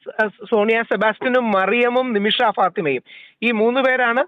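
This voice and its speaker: A man's voice: very high-pitched, steady tone, moderate pace, smooth, no echo. A man asking questions politely and deferentially over a phone line, calling the other man sir. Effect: heard over a phone line. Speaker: interviewer. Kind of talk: casual phone conversation.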